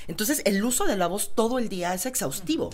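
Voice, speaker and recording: A woman's voice: mid-range voice, expressive, fairly quick, darkish tone, slight background noise. A woman phoniatrics specialist, explaining voice care with everyday examples in a talk show interview. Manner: didactic, uses everyday examples.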